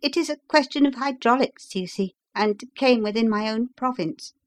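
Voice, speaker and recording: Lady doing polite excitable young engineer guy from an audiobook, injured but plucky, voice goes higher. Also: moderate pace, a little hiss or hum, close to an everyday voice. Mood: animated, plucky.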